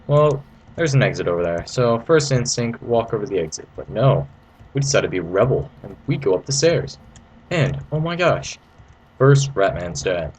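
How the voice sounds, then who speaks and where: In casual gameplay commentary, a man with a mid-range, darkish voice walks through a video game in a playful, informal, rambling way. His delivery is sing-song at a moderate pace, and the amateur home recording is noisy.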